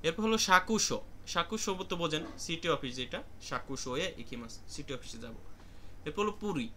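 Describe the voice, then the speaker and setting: A man's voice: a little high, lively intonation, normal speed, pushed and bright, slight background noise. A man with a Bangladeshi accent teaching Japanese vocabulary in an online class, explaining each word and calling on students.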